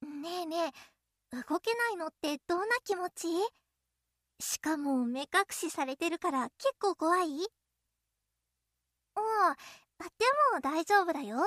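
A woman voicing a clingy, possessive young childhood-friend girl in an audio role-play, speaking to the listener in a coy, playful, teasing way with a soft menace. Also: extremely high pitch, expressive, measured pace, long pauses, no room sound, clean studio sound, exaggerated voice.

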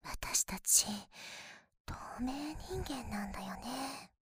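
A young woman voicing a mischievous invisible girl from the future, teasing in a breathy whisper close to the ear. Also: sits high, expressive, takes it slowly, a bit bright, no room sound, heavily acted. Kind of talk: ASMR whispering roleplay.

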